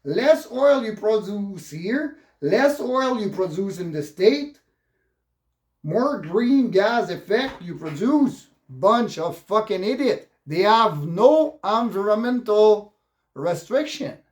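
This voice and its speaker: An angry vlogger with a French Canadian accent goes on an unscripted political rant in a voice fairly high for a man. He has a sing-song delivery, and his English is halting and repetitive, full of swearing. The recording sounds very roomy and echoey.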